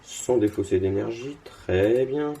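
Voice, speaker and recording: A man's voice: lowish voice, slow, dark tone, slightly rough. A young man casually commenting on his card game as he plays, thinking aloud with lots of fillers and restarts, tired and yawning.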